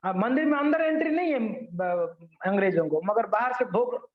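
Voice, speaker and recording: High-voiced man teaching a devotional lesson. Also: moderate pace. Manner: conversational, animated storytelling. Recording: dull, roomy sound.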